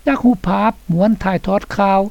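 A woman's voice: brisk, a little mellow, no room sound. A woman reading scripted documentary narration for a radio report. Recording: dull, slightly lo-fi, dry studio sound.

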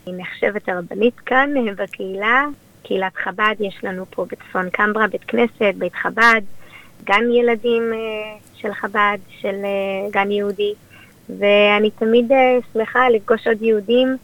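A woman with an Israeli accent speaks as a guest on the radio, explaining things conversationally. Her voice sits at a middling pitch for a woman. The recording is slightly dull and lo-fi. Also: fairly even intonation. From born in Australia, raised there and in Israel. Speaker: rabbi's wife and community leader, interview guest.

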